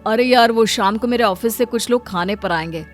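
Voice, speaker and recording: A woman's voice: on the high side, fairly quick, soft background music, close to an everyday voice. A woman voicing a young husband on the phone, casual and dismissive, in a cartoon story. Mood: offhand. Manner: casual, brushing off complaints.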